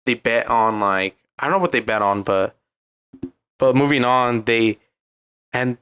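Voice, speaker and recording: A young man with a Californian accent co-hosts a casual podcast chat, rambling as he retells a video and filling it with lots of "like". His voice is medium-pitched, clear, resonant and fairly bright, and a little slow.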